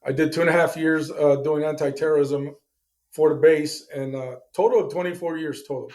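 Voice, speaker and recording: A man's voice: a little high, steady tone, a little fast, darkish tone. A middle-aged man, a Navy veteran guest, telling his service story in a blunt, casual way, with swearing and acted-out dialogue.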